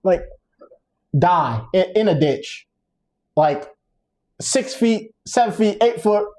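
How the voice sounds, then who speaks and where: A man co-hosting a podcast in casual chat, ranting in an animated, sarcastic way. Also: sits high, takes it slowly. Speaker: podcast co-host.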